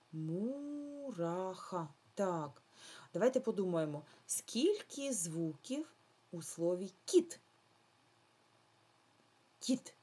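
Female teacher for a recorded remote kids' lesson. Patient, draws words out, dark and slightly breathy tone. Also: on the low side. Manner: slow, patient, drawn-out words for children. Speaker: primary school teacher. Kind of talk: remote lesson for young children.

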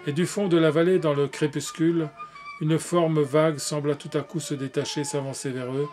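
A man reads a classic tale aloud in a measured way, now and then stumbling and starting a phrase again. His voice sits a little higher than most men's. Soft music plays faintly underneath. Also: little pitch movement. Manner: measured, with small slips and restarts. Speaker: narrator.

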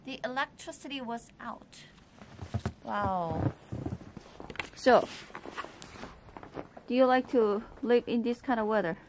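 A woman with a Korean accent, chatting excitedly through a vlog in a snowy backyard and asking lots of questions. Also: fairly high pitch, takes it slowly, long pauses, background noise. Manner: excitable, exclamatory, asks many questions. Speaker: vlogger and English teacher. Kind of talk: casual vlog chat.

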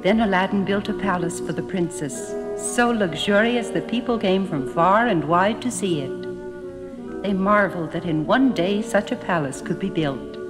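A woman narrating a fairy tale in a measured storytelling manner. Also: medium pitch, lively intonation, lightly acted. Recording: echoey hall, music behind.

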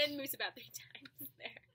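A woman's voice: high-pitched, animated, a little slow, pushed and bright. A young woman hosting a vlog indoors, chatting casually with a giggly, playful manner. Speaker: vlogger host. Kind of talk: casual chat. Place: indoor room.

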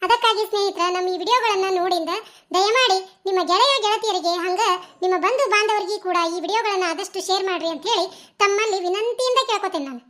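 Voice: very high voice, fast, bright, forceful tone. A channel creator with a North Karnataka Kannada accent, speaking directly to viewers in an earnest, pleading way. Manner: earnest, pleading, a light laugh.

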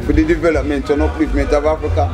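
A man's voice: a little high, level tone, racing, over loud music. An older man reasons in emphatic, declamatory Rasta speech with patois turns of phrase. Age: older, about 60s. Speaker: interview guest, dub poet and Rastafari elder. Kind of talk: conversational reasoning. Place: small room full of textiles and craft goods, indoors.

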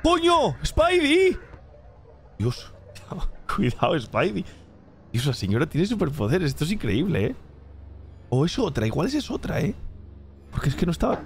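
A man giving excited reaction commentary on a video, breaking into exclamations and laughs as he watches. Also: on the high side, moderate pace, vocal fry, long pauses, a little hiss or hum. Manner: animated, bursts into exclamations and laughs. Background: music from the video he is watching.

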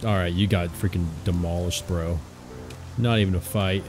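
A man hosting a gaming video, talking casually to himself and his viewers as he plays. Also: normal speed. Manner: chatty, talks to himself and the viewers while playing; gets loud and high when excited. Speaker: gaming channel host. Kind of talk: casual gameplay commentary. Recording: game music and rain sounds behind the voice.

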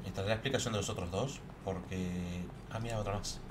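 Quiet muttering man playing a game. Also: fairly low pitch, steady tone, brisk, recorded from a distance, noisy background. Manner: muttering to himself while playing. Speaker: gameplay streamer. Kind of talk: let's play commentary.

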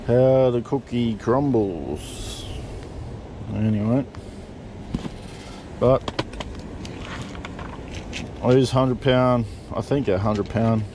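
A man's voice: mid-range voice, warm tone, a little hiss or hum. A middle-aged Australian man chatting casually while rigging fishing gear at the back of a parked vehicle, swearing in an easygoing way, recorded on a body camera. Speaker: fishing vlogger. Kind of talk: casual how-to chat. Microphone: point-of-view body camera.

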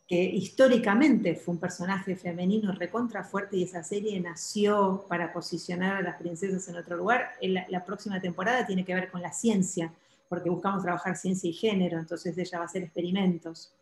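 A woman with an Argentine accent, giving a thoughtful conference talk over a video call, pausing with fillers and restarting her sentences. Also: lowish voice. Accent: Argentine Spanish. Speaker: guest speaker. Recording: roomy echo.

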